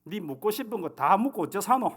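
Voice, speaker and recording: A man's voice: high-pitched, very animated, a little fast, fairly bright tone, slightly rough, voice pushed up, heavily acted. A man voicing an exasperated wife complaining sarcastically. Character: nagging exasperated housewife.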